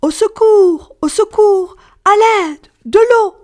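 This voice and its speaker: A woman's voice: very high-pitched, slow pace, darkish tone, pitched above the performer's own voice. A woman voicing a desperate young mother who cries and begs for help. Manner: shrieking, sobbing pleas. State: crying.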